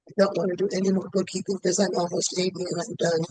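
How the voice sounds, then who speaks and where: Here an elderly man in his seventies repeats a single line again and again in a brisk, steady rhythm, as a client would during tapping. The voice is high and flat, miked closely, with no room sound at all.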